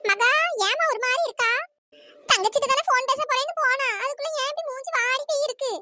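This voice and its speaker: A woman's voice: extremely high pitch, fast talker, very noisy, pitched above the performer's own voice. A woman voicing a caring elderly grandmother in a cartoon story, soothing and worried. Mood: concerned. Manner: soothing, concerned.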